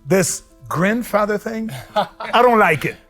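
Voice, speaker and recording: A man in his early fifties, a doctor on a panel, talking in an animated, joking, emphatic way. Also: high-pitched, slow, faint music behind. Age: 50s. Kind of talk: casual panel discussion.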